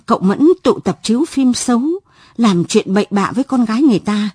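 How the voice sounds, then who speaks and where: A woman's voice: a little high, brisk, darkish tone, breathy edge, no echo, clean studio sound. A woman voicing a timid female housemaid who reports bad news hesitantly and deferentially. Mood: nervous.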